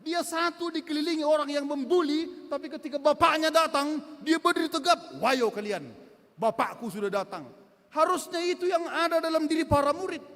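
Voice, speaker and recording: Man, pastor, high-pitched, storytelling sermon, long church reverb. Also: little pitch movement, fairly quick, hardly any pauses, fairly bright tone. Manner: storytelling preacher, acts out quotes, repeats words for emphasis. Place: church sanctuary.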